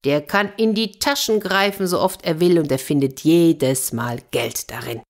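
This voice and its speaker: A woman's voice: low-pitched, measured pace. A woman doing a jovial, coaxing scissor grinder. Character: cheerful boastful male scissor grinder. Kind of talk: children's fairy tale reading.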